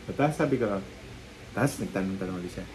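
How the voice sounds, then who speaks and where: A man's voice: deep voice, fast talker, poor audio. Guy telling wild stories on a live show, voice jumps all over, bit of hiss behind. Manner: lively storytelling, acting out quoted people, frequent laughs. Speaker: guest storyteller, psychic. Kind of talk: casual chat, animated anecdotes.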